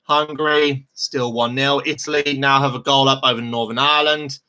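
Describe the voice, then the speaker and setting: Bright-voiced man chatting over a live match. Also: mid-range voice, fairly even intonation, moderate pace, clear, resonant tone. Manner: chatty and rambling, laughs often. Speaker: host reacting to a live football match. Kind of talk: casual live match commentary.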